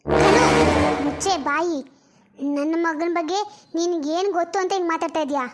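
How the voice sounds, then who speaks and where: A woman voicing a stern older mother-in-law in an animated drama, firm and lecturing. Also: very high voice, moderate pace, very noisy.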